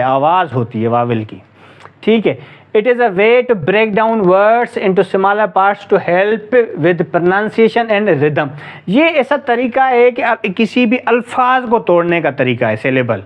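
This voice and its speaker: High-voiced teacher quizzing himself aloud. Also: male voice, muffled recording. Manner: repetitive, asks and answers his own questions. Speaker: English teacher. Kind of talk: grammar lesson explaining English in Urdu-Hindi.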